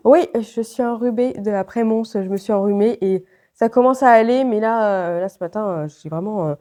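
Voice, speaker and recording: Speaking at a normal speed, this vlogger has a warm, medium-pitched voice made stuffy and nasal by a head cold. She talks casually to the camera, with plenty of fillers and restarts.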